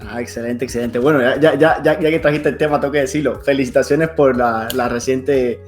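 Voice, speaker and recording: A man hosts a podcast interview in a loose, conversational manner. He repeats himself and mixes English terms into his talk. His voice is mid-pitched, with faint music in the background. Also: fairly even intonation, fairly quick. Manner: rambling, repeats words, mixes in English phrases. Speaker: podcast host. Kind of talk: casual interview hosting.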